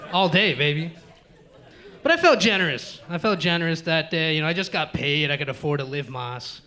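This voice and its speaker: Lively high-voiced stand-up comic. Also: male voice, moderate pace. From United States. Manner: profane, addresses the crowd as folks. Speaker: stand-up comedian. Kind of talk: live stand-up set. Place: comedy club stage.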